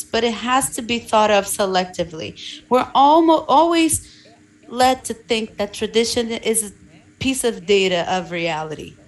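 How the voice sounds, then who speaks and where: A woman working as an interpreter on a video call, speaking in steady, formal phrases. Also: a little high, low-quality recording. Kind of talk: simultaneous interpreting for a panel.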